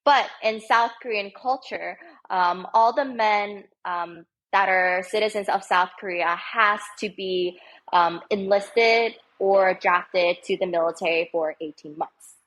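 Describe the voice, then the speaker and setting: A woman in her twenties, a podcast guest from the United States, telling her story warmly with many ums. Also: medium pitch, measured pace. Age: 20s. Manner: warm, chatty with many fillers. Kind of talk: interview storytelling.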